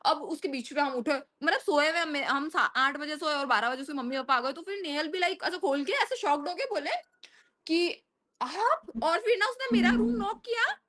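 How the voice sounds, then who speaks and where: A young woman telling a story on a video call, fast, profane and animated. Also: high-pitched, faint music behind. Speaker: stranger on a video chat. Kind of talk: casual storytelling on a video chat.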